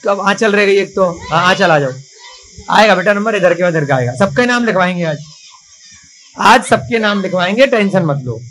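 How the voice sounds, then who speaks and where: A man teaching children to write a script in a classroom, coaxing and praising them and spelling out each stroke slowly. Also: high-pitched, fairly bright tone, rough recording.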